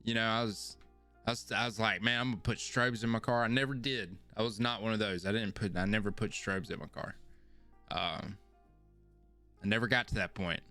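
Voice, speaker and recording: Laid-back rambling man, smooth low voice. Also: steady tone, moderate pace, bright, forceful tone, faint music behind. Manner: rambling, self-deprecating, repeats himself. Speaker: podcast host. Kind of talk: casual storytelling monologue.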